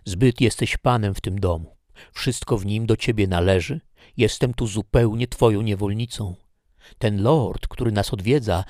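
A man's voice: fairly low pitch, a little mellow, no echo, studio quality, voice pushed up. A man voicing a capricious, passionate young woman who speaks vehemently and theatrically. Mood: coaxing, reproachful.

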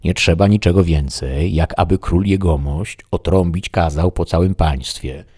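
A grand, solemn old knight-errant speaks in a very deep, husky, dark voice, as a male audiobook reader plays him. He declaims in lofty, earnest tones, and the recording is dry and close. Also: dry recording. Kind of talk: audiobook reading.

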